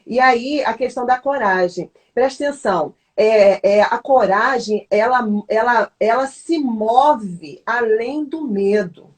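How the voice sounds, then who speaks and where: A woman pastor with a Brazilian accent hosts a live faith conversation. Her voice sits slightly high, and she speaks in a reflective, teaching manner as she explains her ideas. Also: slow, few pauses. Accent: Brazilian Portuguese. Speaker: pastor, host. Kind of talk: faith-based live chat.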